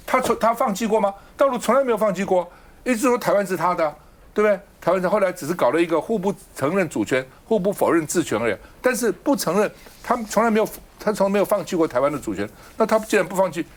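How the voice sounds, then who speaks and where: A high-voiced political talk show host delivers commentary quickly and with energy. He is argumentative, rattling off rhetorical questions.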